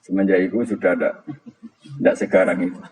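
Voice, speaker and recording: A man with a Javanese accent gives a religious lecture. His speaking voice sits on the low side. He tells stories in an easygoing way and lifts his voice when he quotes someone. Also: brisk, poor audio. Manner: storytelling with laughter and lively raised voice for quotes. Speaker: preacher.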